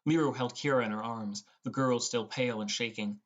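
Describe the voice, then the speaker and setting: A young man with a mid-range male voice reads a scripted fantasy adventure aloud in the first person, audiobook style. He goes a little fast, and the audio sounds dull.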